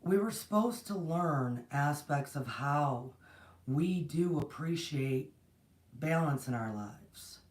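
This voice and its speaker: Her deep voice has lively intonation and a slow pace, though it's strained and partly lost. She hosts a spiritual platform's livestream, rambling casually, restarting a lot, and warmly greeting viewers. A distant mic with no proper setup makes the echoey room swallow her voice.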